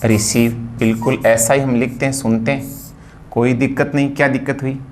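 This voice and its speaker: A man's voice: mid-range voice, flat delivery, brisk, a little mellow, a little hiss or hum. A man from India teaching a phonetics lesson, explaining patiently and spelling out words sound by sound. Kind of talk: phonetics lecture.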